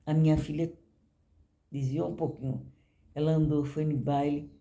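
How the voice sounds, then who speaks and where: A woman's voice: sits low, steady tone, normal speed, vocal fry, mellow. An older woman giving a personal testimony in church, talking conversationally to the congregation and often asking "you know?".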